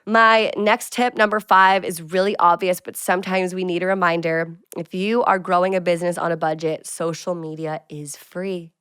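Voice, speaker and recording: A woman's voice: lowish voice, clean tone, no echo. Young woman, podcast host, bubbly and chatty, close dry mic. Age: 20s. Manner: bubbly, chatty, quick bursts of excitement. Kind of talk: casual advice podcast.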